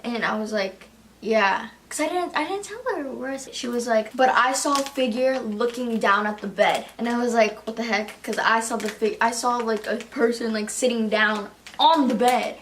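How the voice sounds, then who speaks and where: A young woman tells ghost stories to the camera in easy, casual chat, her voice sitting a little high. She acts out each quote as she goes and fills her sentences with "like." A faint hiss runs underneath. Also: moderate pace. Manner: animated storyteller, acts out quotes, lots of "like". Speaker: vlog co-host. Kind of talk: casual ghost story telling.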